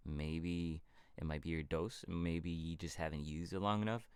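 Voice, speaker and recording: A man with a very low, smooth voice hosts a casual fitness livestream, answering viewer questions in a relaxed, rambling way. He is from California. The sound is close and dry, with no room around it. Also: unhurried, dry recording. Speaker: fitness channel host.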